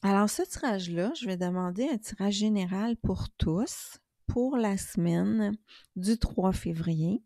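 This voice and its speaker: A middle-aged woman with a Québécois accent speaks slowly and softly, her voice mellow and dark. She talks in a calm, soothing, gently reflective way, like a spiritual vlogger sharing a tarot reading. The sound is dry and close. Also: medium pitch, no echo. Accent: Québécois French. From Quebec. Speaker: spiritual YouTuber and tarot reader. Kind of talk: casual spiritual vlog.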